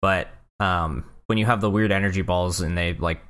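A man chatting casually about a video game, describing details at a relaxed pace with plenty of fillers. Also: low voice, normal speed, clean tone. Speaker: podcast co-host.

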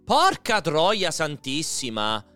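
A man chatting casually as a live streamer, excitable and given to profane, exasperated outbursts. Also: a little high, slow pace, faint music behind. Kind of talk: casual livestream banter.

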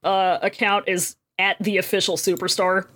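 A woman's voice: medium pitch, level tone, moderate pace, fairly bright tone. Young woman cohost, blunt, swears a lot, casual podcast talk. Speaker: podcast co-host. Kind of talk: casual movie review chat.

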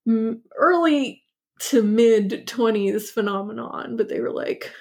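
A woman's voice: on the high side, slow pace, gravelly. A woman in her thirties, an actor, chatting as an interview guest, laughing often and using many fillers. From born in Hungary, grew up partly in New York and Montreal. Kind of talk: casual interview chat.

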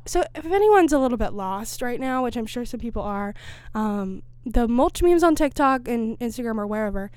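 A young woman chats at a studio microphone as co-host of a college podcast. Her voice sits a little high and comes through smooth and clean. She rambles easily, filling her talk with "like" and "you know.". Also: animated, moderate pace, a little mellow, no echo. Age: young adult. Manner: chatty, full of "like" and "you know". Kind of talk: casual podcast chat.

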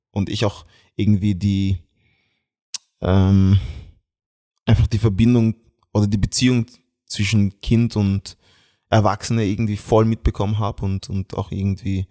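A young man tells a family story in an interview, with a low-pitched voice. He talks casually, stumbles over restarts and fillers, and laughs easily. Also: dark tone. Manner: chatty, halting with many fillers and restarts, laughs often. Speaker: guest.

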